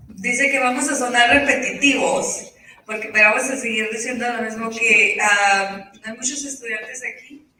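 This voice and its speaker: A woman's voice: fairly high pitch, normal speed, sharp tone, slight background noise. A woman teacher talking informally at a school meeting, interpreting and restating points in Spanish and English. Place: indoor school meeting room. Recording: very echoey room, distant mic.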